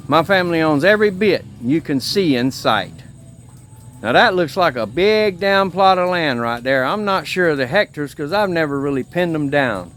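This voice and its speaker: Man vlogger, rambling and defiant, slightly high voice, handheld camera outdoors, cigar in mouth. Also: a bit bright. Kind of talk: casual walking vlog tour. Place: outdoors at a rural family home.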